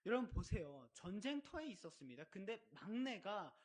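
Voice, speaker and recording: Energetic male preacher, storytelling sermon, animated pitch. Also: moderate pace. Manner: lively storytelling, asks questions of the congregation. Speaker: pastor. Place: church service.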